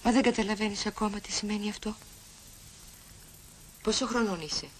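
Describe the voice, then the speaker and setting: A woman in a stage drama speaking tearfully, her voice wavering. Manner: tearful, wavering, very lively pitch. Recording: audible background noise.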